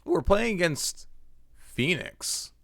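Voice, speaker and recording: Animated male streamer on a dry headset mic. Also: high voice, slow, creaky, no room sound. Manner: chatty, reacts aloud while playing, talks to chat. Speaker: livestreamer and card game player. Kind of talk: live gameplay commentary.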